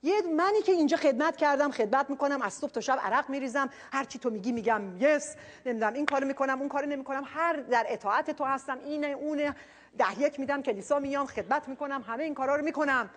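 A woman's voice: sits high, few pauses, long reverb tail, pitched above the performer's own voice. A woman acting as an indignant, resentful older brother. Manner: loud, indignant complaining. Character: resentful older brother, a young man complaining bitterly.

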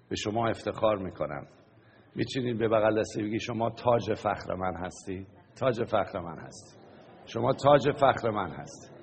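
A man's voice: mid-range voice, highs cut off. A man preaching a sermon to a congregation, teaching and often asking them questions. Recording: long hall reverb.

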